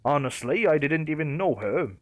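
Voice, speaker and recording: A man's voice: on the high side, expressive, moderate pace, highs cut off, close to an everyday voice. A man voicing a guarded, dryly sarcastic young man in a creepypasta narration. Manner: evasive, dry, sarcastic. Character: guarded young man hiding a dark secret.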